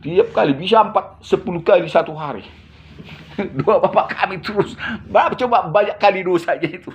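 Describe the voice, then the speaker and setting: A man's voice: sits high, normal speed, muffled recording, a little hiss or hum. A man who is a missionary pastor. He tells stories in a casual chat, laughs often and acts out what people said. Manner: chatty, laughs often, acts out quoted speech.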